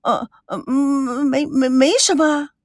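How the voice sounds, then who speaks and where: A woman's voice: high voice, fairly even intonation, a little slow, no room sound, studio quality, pitched above the performer's own voice. A woman voicing a jealous, guilty woman who stammers, whines and pleads in an audiobook. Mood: whiny, evasive. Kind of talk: audiobook character reading.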